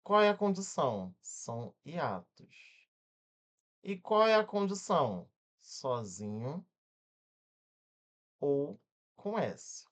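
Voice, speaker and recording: A man with a Brazilian accent teaching an exam-prep grammar lesson, energetic and constantly checking in with quick questions while he spells words out syllable by syllable. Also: on the high side. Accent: Brazilian Portuguese.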